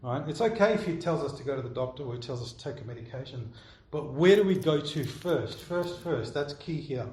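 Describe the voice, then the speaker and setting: A pastor preaches in a mid-range, darkish voice with lively intonation, talking fairly quickly with few pauses. He takes questions from the congregation conversationally, repeatedly checking in with "all right?" An echo from the room is audible.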